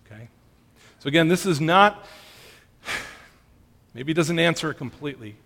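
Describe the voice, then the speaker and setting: A man's voice: on the high side, animated, a little slow, fairly bright tone. A man giving an earnest sermon that answers questions, often checking in with his listeners. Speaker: pastor. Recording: long hall reverb.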